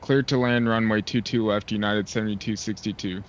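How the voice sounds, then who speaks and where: A man acting as a pilot, reading back air traffic clearances in clipped radio phraseology through a cockpit headset mic. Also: fairly low pitch, steady tone, fairly quick. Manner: clipped, formal call sign readbacks. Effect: pilot speaking over a cockpit headset mic. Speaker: sim pilot talking to online air traffic control. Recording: dull lo-fi headset mic, faint hiss.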